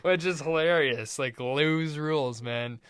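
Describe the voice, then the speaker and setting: A man's voice: fairly high pitch, measured pace, fairly bright tone, smooth, dry recording, clean studio sound. A man co-hosting a casual sports podcast, chatty and joking in a loose way. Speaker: podcast co-host.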